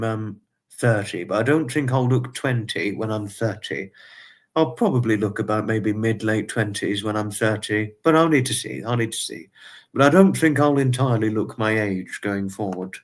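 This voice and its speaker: His voice fairly low and his pace moderate, a twenty-something livestream host chats easily with viewers. He keeps repeating himself and leans on stiffly formal expressions.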